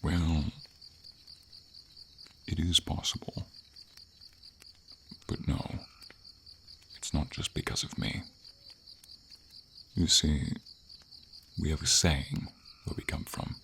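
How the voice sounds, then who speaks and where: In a fantasy ASMR roleplay, a man gives a full character voice to a gentle, wise dragon, his very deep, gravelly voice speaking formally in slow, measured phrases with thoughtful pauses. The scripted performance is encouraging and earnest. Light rain and night insects make a steady hiss behind him.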